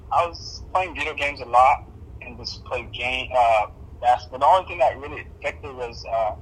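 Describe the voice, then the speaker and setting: Young guy from somalia, halting answers full of ums, faint hiss on a phone line. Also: medium pitch, a bit bright. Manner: hesitant, many fillers and restarts. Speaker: interviewee. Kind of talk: casual oral history interview.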